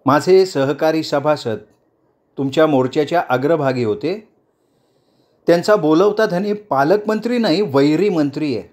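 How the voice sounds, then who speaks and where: A man's voice: fairly high pitch, a little slow, darkish tone, natural voice. Brief: man doing a fiery, commanding woman politician from an audiobook story, rousing crowd speech, raised voice. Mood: defiant. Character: defiant woman council chair, fiery orator.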